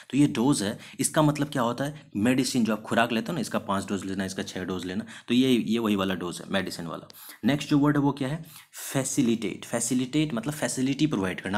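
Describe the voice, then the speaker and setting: A man teaching English vocabulary in Hindi, mixing in English words. He keeps asking rhetorical questions and answering them himself, and slows down to spell out and stress example sentences. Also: fairly low pitch, darkish tone. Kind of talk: classroom-style vocabulary lesson.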